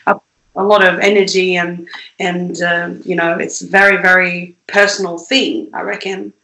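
A woman's voice: lowish voice, level tone, moderate pace, sharp tone. Young swedish woman chatting as a guest, lots of ums and restarts, echoey room. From Sweden. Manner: chatty, many fillers and restarts, laughs often. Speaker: independent musician, guest. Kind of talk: casual interview chat.

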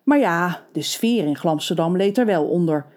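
A playful female storyteller reading a scripted tale, her voice mellow and warm. She moves lively up and down in pitch, keeping the telling expressive. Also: moderate pace.

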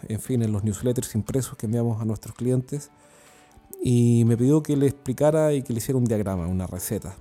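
This podcast host and sales consultant, a man with a Chilean accent, runs his show alone. He talks in a friendly, sincere way, often using fillers and starting over. His voice is mellow and medium in pitch.

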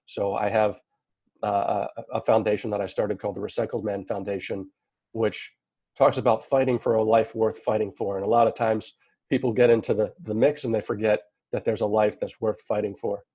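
A man's voice: on the low side, flat delivery, a little fast, mellow, breathy edge, no room sound. A man in his thirties or later, introducing himself on a panel in an earnest way, with many restarts and fillers.

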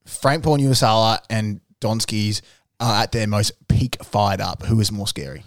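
A man's voice: on the low side, unhurried, dry recording, clean studio sound. A man with an Australian accent co-hosting a podcast, chatting about sport in a laid-back, matey, slangy way. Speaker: podcast co-host. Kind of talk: casual sports banter.

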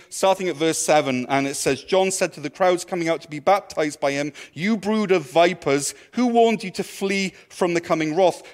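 A man, preaching a sermon to his church in a conversational, playful way. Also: on the high side. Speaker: pastor.

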